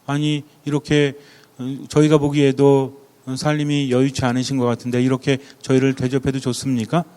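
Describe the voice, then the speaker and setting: A priest voicing an indignant young angel. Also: male voice, mid-range voice, monotone, brisk, mellow, smooth, big-room sound, close to an everyday voice. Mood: polite. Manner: pleading, then protesting hotly.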